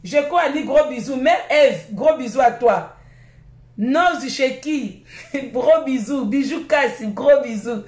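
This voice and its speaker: A Congolese woman with a high voice fires off a combative live stream rant. She scolds and insults her critics in a Congolese French accent. Her voice rings around an echoey room. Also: expressive, takes it slowly, a little mellow. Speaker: livestream host.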